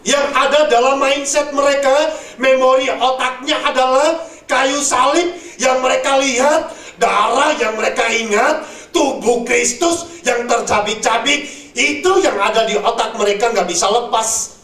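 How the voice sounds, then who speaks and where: Male preacher, high voice, echoey room, distant mic. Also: unhurried, fairly bright tone. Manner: addresses listeners as "saudara". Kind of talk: sermon.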